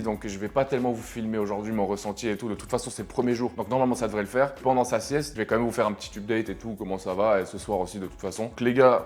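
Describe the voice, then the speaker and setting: A man's voice: mid-range voice, a little mellow. Self-mocking Swiss French man vlogging. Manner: chatty, self-mocking, swears casually. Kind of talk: casual vlog. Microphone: phone held while filming himself.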